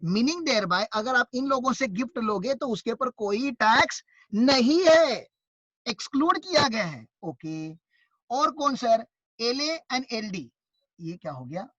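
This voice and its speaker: A man with an Indian accent teaching an online class, lively and teasing as he quizzes his students. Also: very high voice, slow pace, no echo, highs cut off.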